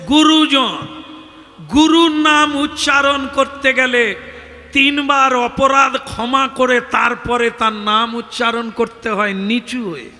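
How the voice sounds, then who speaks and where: High, bright-voiced male kirtan preacher. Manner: animated, dramatic, addresses the audience directly. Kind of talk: devotional storytelling sermon. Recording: long hall reverb with music.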